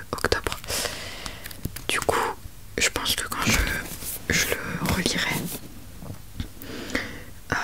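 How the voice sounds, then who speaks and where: A young adult woman chatting informally about books in a soft, breathy library whisper for ASMR, hesitant and often trailing off mid-phrase. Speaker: ASMR book reviewer. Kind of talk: whispered ASMR book chat.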